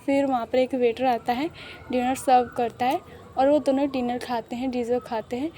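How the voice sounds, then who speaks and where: A woman narrates a love story in a casual, chatty way. Her voice is high and mellow, and she repeats herself and mixes in English words. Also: fairly even intonation, normal speed, a little hiss or hum.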